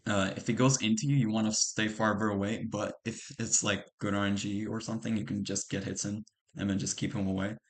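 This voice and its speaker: A young man talks through his boss strategy as footage plays, in a loose, unscripted way full of ums and likes. His voice sits low and barely rises or falls, staying even from one point to the next. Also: a little fast, few pauses. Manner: loose and conversational, many fillers, talks over replay footage. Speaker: streamer giving a game strategy guide. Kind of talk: casual gameplay commentary.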